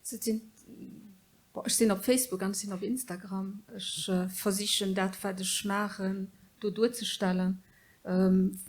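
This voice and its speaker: A middle-aged woman from Luxembourg debates on a political panel in a steady mid-range voice. She sounds earnest and a little halting, using plenty of fillers as she searches for words, and her tone stays serious and engaged.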